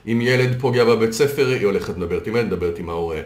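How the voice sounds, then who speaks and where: A man's voice: lowish voice, a little mellow. A man coaching on a podcast, patiently explaining ideas through worked examples. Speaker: coach and consultant. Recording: roomy echo.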